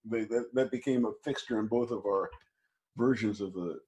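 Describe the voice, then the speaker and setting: Man, interview guest, halting storytelling, fillers and restarts. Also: fairly low pitch, a little mellow. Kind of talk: casual storytelling.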